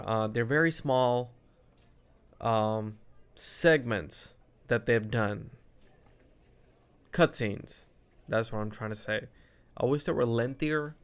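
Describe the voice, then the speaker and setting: A male gaming streamer, stuffy from allergies, chatting casually and reacting loudly to the game. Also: medium pitch, clean tone. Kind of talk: casual gameplay commentary.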